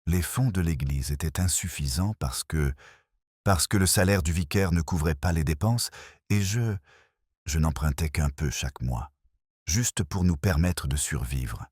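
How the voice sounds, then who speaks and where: Man reading a frightened guilty village woman, pleading and halting, storybook audio, dry and close. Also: a bass voice, a little mellow, slightly rough, no room sound, heavily acted. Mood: tearful.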